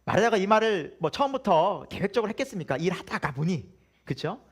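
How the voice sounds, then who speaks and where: A man's voice: high voice, big pitch swings, quick pace, husky. A male pastor preaching a Sunday sermon in a church, with humor and many rhetorical questions.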